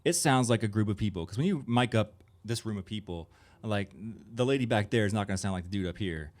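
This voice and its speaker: A man's voice: lowish voice, fast talker, darkish tone. A man, a music producer, giving a live conference workshop to an audience in a room, talking in a casual, rambling way full of fillers and asides.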